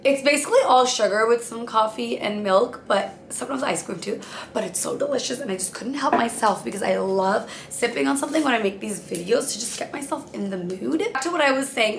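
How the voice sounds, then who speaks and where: A woman in her late twenties talks through relationship advice in an easy, earnest vlog manner, often turning to her viewers directly. Her mid-pitched voice carries a gravelly fry. The sound is roomy and echoey, with a faint hum of ambience behind her. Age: 20s. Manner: chatty, earnest, addresses viewers as "you guys". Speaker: relationship vlogger.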